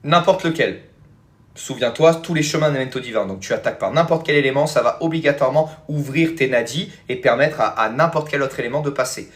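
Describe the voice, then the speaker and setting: Speaking a little fast in a mid-range voice, a man leads a live stream as a spiritual teacher. He rambles casually with his viewers, answers their comments, leans heavily on fillers and "hein," and keeps calling them "les amis."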